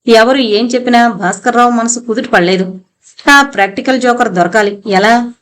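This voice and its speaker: A woman narrating an audiobook novel in a steady storytelling manner. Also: a little high, moderate pace. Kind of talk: scripted narration.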